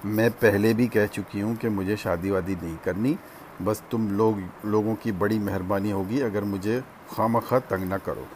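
A proud young woman with calm dignity, read by a man, spoken in a lowish voice, faint noise behind, storybook reading. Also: normal speed, natural voice. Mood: dignified. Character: stern proud young woman refusing a marriage.

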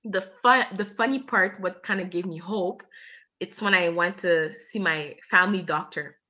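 A woman in her twenties from Canada, telling a candid personal story as a guest, chatty and animated, acting out the dialogue. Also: lowish voice, normal speed, muffled recording. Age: 20s.

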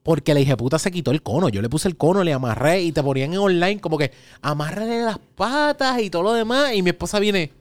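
Animated Puerto Rican man telling a story. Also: high-pitched, fast talker, no room sound. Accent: Puerto Rican Spanish. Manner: animated storyteller, acts out his own shouts. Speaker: podcast host. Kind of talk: casual chat.

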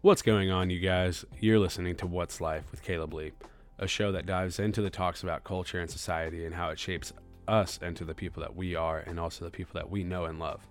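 A podcast host in his twenties from Kansas City, USA, talks on his solo show in an earnest, reflective, loosely rambling way. His voice is low and brisk with fairly even intonation, and faint music plays behind him.

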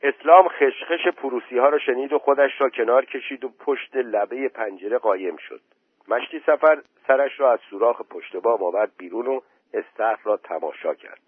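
A man narrating a story aloud in a steady, measured audiobook reading. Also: mid-range voice, slightly rough, dry recording. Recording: tinny phone-like recording.

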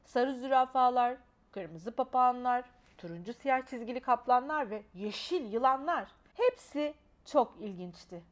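A woman's voice: fairly high pitch, animated, moderate pace, hardly any pauses. A woman expressively reading a children's storybook aloud.

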